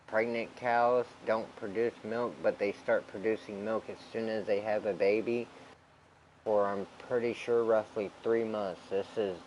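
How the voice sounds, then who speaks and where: A man casually commenting on his farming game in a flat, laid-back way, often saying "bro". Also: lowish voice, a little slow, muffled recording, slight background noise. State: hiccups. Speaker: gaming channel host.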